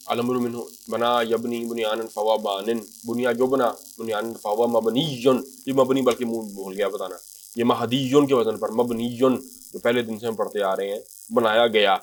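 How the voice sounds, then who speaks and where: This is a man leading a grammar lesson at an everyday medium pitch. He reads short example phrases, repeats them and translates them one by one in a patient, explanatory way. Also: steady tone. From Pakistan. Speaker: Arabic language teacher. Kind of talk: grammar lecture in Urdu.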